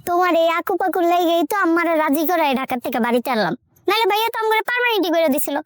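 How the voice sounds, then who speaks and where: A chatty young village wife. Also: female voice, very high-pitched, very fast, dry recording, studio quality. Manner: chatty, lively and scheming.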